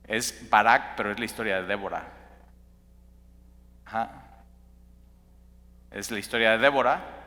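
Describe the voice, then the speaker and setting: A man's voice: medium pitch, bright, forceful tone, in a large hall. A man, a pastor teaching a Bible study in a conversational way, asking the listener questions and spelling out names.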